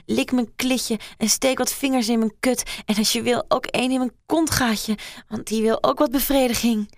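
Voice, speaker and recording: A woman's voice: a little high, fairly even intonation, moderate pace, no echo, clean studio sound, voice pushed up, close to an everyday voice. A woman voicing an eager adult woman, speaking in a raised, moaning, urgent way.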